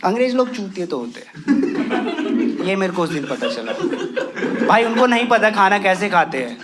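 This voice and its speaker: Crude young male stand-up comic, high-pitched. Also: very animated, moderate pace, very noisy. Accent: western Uttar Pradesh Hindi. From western Uttar Pradesh, India. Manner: crude, swearing, mixes English into Hindi. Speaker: stand-up comedian. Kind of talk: stand-up comedy set. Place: comedy stage with a laughing audience.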